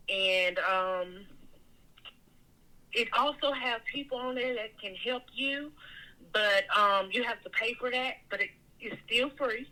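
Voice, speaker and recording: A woman talking over a phone on speakerphone in a casual conversation, hesitant and pausing often with "um"s. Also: mid-range voice, pushed and bright, poor audio. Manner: hesitant, with frequent pauses and "um"s. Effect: heard over a phone on speakerphone. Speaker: interviewee on a phone call.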